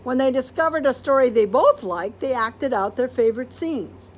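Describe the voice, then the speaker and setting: A woman with a high voice reads a children's picture book aloud at normal speed. She is expressive, acting out the quoted words and asking the listeners questions.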